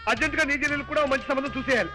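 A fast-talking comic suitor. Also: male voice, extremely high pitch, soft background music, exaggerated voice. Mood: eager. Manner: fast, bright, comic patter. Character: fussy, excitable young man courting his fiancée. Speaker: comic suitor in a film scene.

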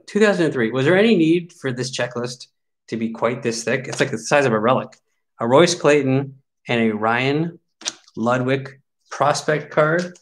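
There's a little hiss or hum on this clip of a man in his forties hosting a card break. In a mid-range voice, he talks through opening packs in a relaxed, chatty manner, offering wry, mock-grumbling commentary on each pull.

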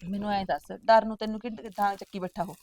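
A middle-aged woman playing a patient older sister and farm-living mother who keeps calming her sibling down. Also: medium pitch, fast, no room sound, lightly acted. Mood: placating. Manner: soothing, placating, often asks back "huh?". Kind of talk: village family drama acting.

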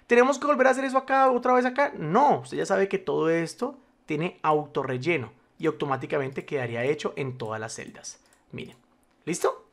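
Spreadsheet instructor, male, animated up-and-down delivery, patient and reassuring, keeps checking the viewer follows. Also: high-pitched. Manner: formal address to the viewer, patient step-by-step explaining. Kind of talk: screen-recorded software tutorial.

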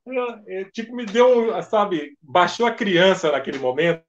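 A man, a podcast guest and event organizer, telling stories in lively fashion and acting out dialogue. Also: sits high, a little slow, a little hiss or hum. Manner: animated storyteller acting out dialogue. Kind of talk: casual podcast storytelling. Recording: dull lo-fi podcast audio.

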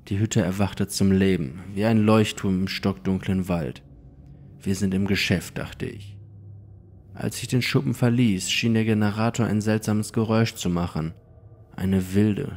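A man with a fairly low voice reads a scripted horror story aloud in the first person. He keeps a calm, even storytelling manner throughout. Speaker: narrator.

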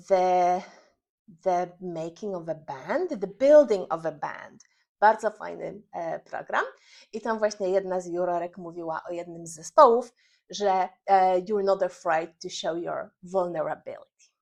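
A woman with a Polish accent gives a casual video lesson on an English word, lively and upbeat. Her voice sits at an ordinary middle pitch, and she keeps things light with easy fillers as she explains. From Poland. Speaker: English teacher.

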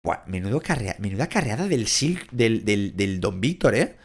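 Excitable, foul-mouthed Spanish gamer man. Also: on the low side, moderate pace, breathy edge. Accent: Spain Spanish. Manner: excitable, crude, swears a lot, shouts at the game. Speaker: gaming YouTuber. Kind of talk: casual Let's Play commentary.

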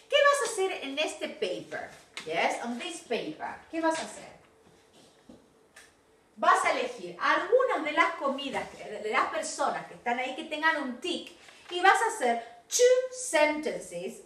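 A woman with a Rioplatense Spanish accent teaching English to young children in a recorded video lesson. She drills phrases slowly and keeps checking in with "yes, ok". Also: a little high, bright, forceful tone, heavy reverb, recorded from a distance. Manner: slow, drawn-out drilling with frequent "yes, ok".

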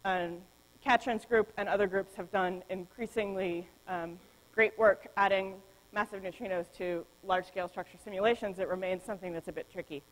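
A woman's voice: mid-range voice, steady tone, a little fast. Woman lecturing in a reverberant hall. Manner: explanatory, frequent ums and self-corrections. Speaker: physics lecturer. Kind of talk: academic conference lecture.

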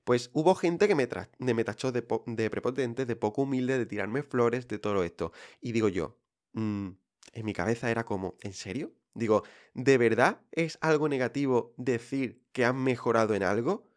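A man with a Spain Spanish accent talks straight to his listeners in a casual podcast monologue. His voice sits at an ordinary middle pitch, and his delivery is direct and reassuring, with frequent fillers. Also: moderate pace. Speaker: podcast host.

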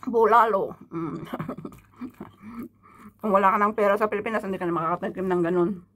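A woman's voice: mid-range voice, fairly even intonation, fairly quick, fairly bright tone. Middle-aged woman talking while chewing. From Philippines. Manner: chatty, gossipy, laughs often. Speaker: vlogger. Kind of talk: casual mukbang vlog chat.

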